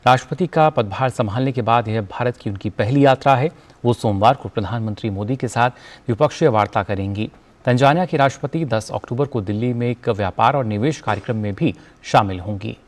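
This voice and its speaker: A man anchoring a news bulletin, reading his script in a formal, measured way. His voice sits at an ordinary middle pitch.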